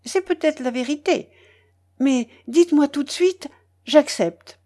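A woman's voice: sits high, a little slow, dark tone, voice pushed up. A woman voicing Maria Nikolaevna, a teasing, imperious lady. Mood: coaxing. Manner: commanding, mocking, playful.

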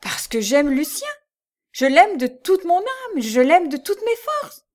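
A poor young working woman speaks high and loud, her voice swelling with proud indignation, as a woman plays her while reading a novel aloud. Her words come heated, declaring and refusing. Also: animated, normal speed, close to an everyday voice. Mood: impassioned. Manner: bewildered, then fiercely indignant and impassioned.

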